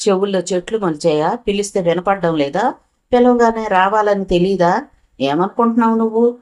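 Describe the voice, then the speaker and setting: A woman's voice: lowish voice, a little slow, close to an everyday voice. A woman voicing a spoiled, imperious young woman who scolds and orders the driver around. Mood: scolding. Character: bossy spoiled young woman, house owner's sister.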